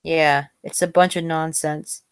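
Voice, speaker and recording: Slow, halting woman podcast host. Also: low-pitched, little pitch movement, smooth, no room sound. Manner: hesitant, many fillers and restarts. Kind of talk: casual podcast chat.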